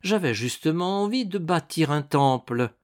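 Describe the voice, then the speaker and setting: A man's voice: a little high, expressive, normal speed, voice pushed up, lightly acted. A man reading an audiobook, voicing a proud, scheming young Renaissance noblewoman with a languid, grandly ambitious manner.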